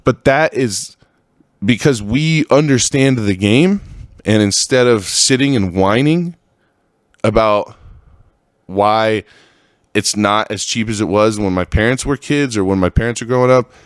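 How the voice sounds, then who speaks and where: A man's voice: lowish voice, a little slow, no echo, clean studio sound. A man from the Bay Area hosting his own podcast, ranting with heavy profanity and exasperation. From California, Bay Area. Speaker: podcast host. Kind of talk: solo podcast rant.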